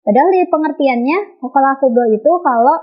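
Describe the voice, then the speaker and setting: High-voiced Indonesian woman teaching children. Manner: patient, repeats and models recitation slowly. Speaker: Quran recitation teacher. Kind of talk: online lesson for children. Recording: dull lo-fi recording.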